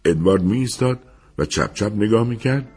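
A man's voice: lowish voice, lively intonation, darkish tone. A man narrating a story in an audiobook, reading expressively.

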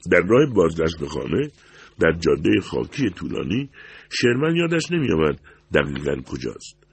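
Low, gravelly male storyteller. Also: big pitch swings, no room sound. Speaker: audiobook narrator. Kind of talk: story narration.

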